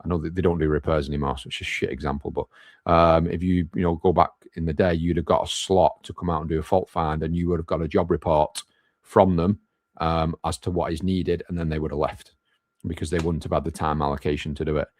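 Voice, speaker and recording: A man's voice: rumbling low, level tone, a little fast, a little mellow, no room sound, studio quality. A man co-hosting a live business Q&A, talking casually and bluntly with the odd swear word. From United Kingdom. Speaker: podcast co-host.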